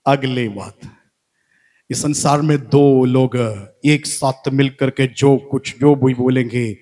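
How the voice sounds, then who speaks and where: A man's voice: mid-range voice, steady tone, takes it slowly, a little mellow. A man preaching a sermon in church. He asks the congregation questions and breaks into hallelujahs. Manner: exclaims hallelujah. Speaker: pastor. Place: church during a live Sunday service.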